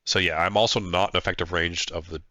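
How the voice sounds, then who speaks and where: Congested from a flu, a man casually calls the play-by-play of a tabletop battle he is playing, hesitant and filler-heavy as he thinks aloud in a nasal, stuffed-up voice. He has a deep voice with a steady tone, bright and forceful, at a quick pace. The studio-quality recording has no echo.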